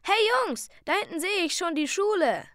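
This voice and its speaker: A woman's voice: high voice, expressive, measured pace, dry recording, studio quality, pitched above the performer's own voice. A woman voicing a cheerful twelve-year-old elf girl who calls out to her friends in a storybook reading.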